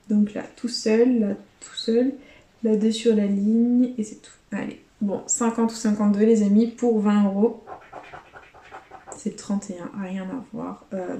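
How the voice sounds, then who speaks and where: A female YouTuber with a fairly high-pitched, dark-toned voice gives casual running commentary while scratching lottery tickets, calling her viewers friends. The recording sounds echoey and has a little hiss or hum.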